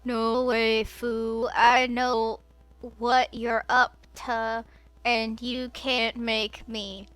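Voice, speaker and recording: A woman's voice: a little high, little pitch movement, drawn-out words, fairly bright tone, smooth, no room sound, soft background music. A woman voicing a surly, stubborn male fighter who snarls and grumbles. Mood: snarling.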